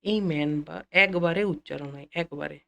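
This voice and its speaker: A man teaching an English lesson in a Bengali accent, repeating key phrases slowly and speaking directly to his students. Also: a little high, creaky, pushed and bright. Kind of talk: classroom-style lesson explanation.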